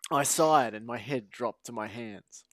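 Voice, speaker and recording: A sports podcast co-host chats playfully, laughs often, and reads a story aloud. He has a medium-pitched voice and an unhurried pace, captured in a dry recording.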